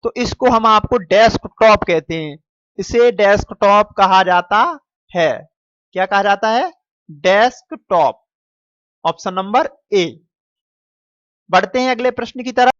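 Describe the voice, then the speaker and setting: A man teaching as he walks through an exam paper question by question. He calls his students "dear children", drawls out the answers slowly and mixes English phrases into his talk. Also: high voice, a bit bright, no echo. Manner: repeats and stretches answers slowly. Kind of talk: exam paper walkthrough lesson. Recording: dull, dry lo-fi recording.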